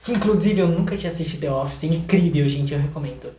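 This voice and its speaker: A young Brazilian man, an interview guest who makes videos and studies film, chats casually and informally, often repeating words for emphasis. His voice is slightly high, quick and dark in tone, and the roomy, echoing recording has a little hiss or hum.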